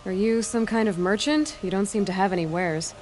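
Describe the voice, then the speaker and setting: An actress playing a sharp, skeptical young huntress who questions bluntly and dryly, in video game dialogue. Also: female voice, medium pitch, brisk, a little hiss or hum, natural voice.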